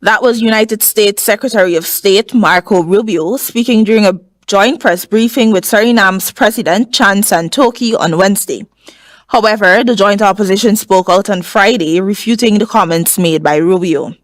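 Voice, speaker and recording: Even-toned woman news reporter, dry sound. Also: medium pitch, moderate pace, no echo.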